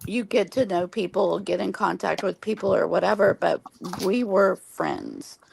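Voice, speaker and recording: A woman's voice: mid-range voice, sing-song, unhurried, creaky, a little mellow, a little hiss or hum. A woman from Oklahoma hosting a casual late-night livestream chat, telling long earnest stories with many ums while losing her voice from smoky air. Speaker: livestream host.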